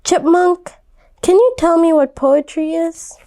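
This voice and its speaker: A woman's voice: very high-pitched, slow pace, warm tone, voice pushed up, exaggerated voice. A woman voicing a curious, polite little boy from a storybook, asking questions.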